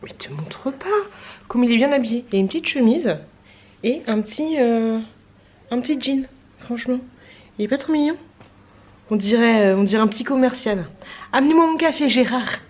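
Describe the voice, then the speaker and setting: A woman's voice: on the high side, a little fast, long pauses, a little mellow. A young woman, chatty and playful, vlogging casually at home with lots of fillers and asides to her viewers. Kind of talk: casual vlog chat. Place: at home, indoors and outdoors.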